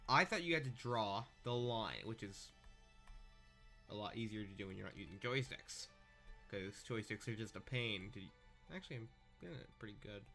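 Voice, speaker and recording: A young let's-play gamer with a lowish, sharp voice and lively intonation gives casual, sarcastic commentary at a moderate pace. Faint game music plays as he cracks jokes on the side and trails off mid-sentence.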